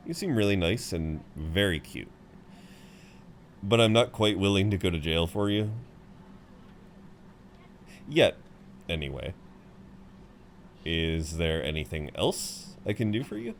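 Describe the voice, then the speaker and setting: A low male voice, heavily acted, swings widely in pitch, takes its time and pauses often, with a little hiss or hum behind it. Playing a chatty, good-humoured tall frequent flyer comforting his seatmate, he sounds concerned and gently flirty while performing one side of an intimate roleplay audio.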